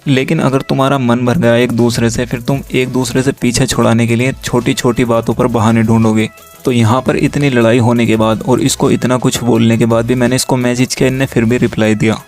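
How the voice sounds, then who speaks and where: Flat-voiced young man giving advice. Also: medium pitch, fairly quick, soft background music. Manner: reads chat lines aloud in a flat steady tone, addresses viewers directly. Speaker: relationship advice creator. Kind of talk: casual explainer reading out chat messages.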